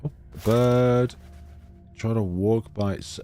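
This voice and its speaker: A man's voice: lowish voice, fairly even intonation, slow pace, mellow, clear, resonant tone, soft background music. A man streaming a game, mixing commentary with theatrical read-aloud of the text.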